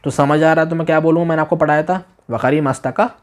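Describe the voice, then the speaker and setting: A man teaching a beginner language demo class, repeating phrases slowly, asking the listener questions and exaggerating his tone to show meaning. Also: on the high side, fairly even intonation. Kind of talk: demo class lesson taught in Hindi.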